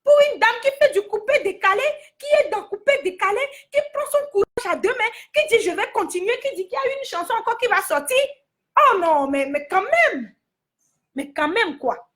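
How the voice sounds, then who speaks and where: A woman's voice: extremely high pitch, animated, normal speed, fairly bright tone. A woman from Togo giving her angry opinion straight to her viewers in a heated vlog, repeating herself as she scolds. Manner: indignant, repetitive, addresses viewers directly.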